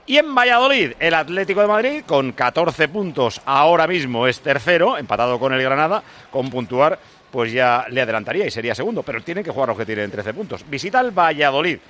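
A man hosting live football radio, lively and handing over to reporters. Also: medium pitch, brisk. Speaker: radio sports host.

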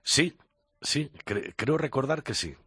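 A man's voice: medium pitch, expressive, slow pace, sharp tone, slightly rough, dry recording, studio quality. A man, a voice actor reflecting on his work as a guest in a casual radio interview, repeating words as he talks. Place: radio studio.

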